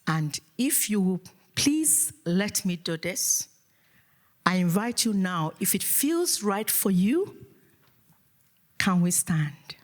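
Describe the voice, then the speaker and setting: A woman's voice: mid-range voice, big pitch swings, takes it slowly, pauses often. A woman from Africa giving a rousing motivational keynote speech to a live audience in an event hall, with a preacher-like call and response. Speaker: motivational speaker.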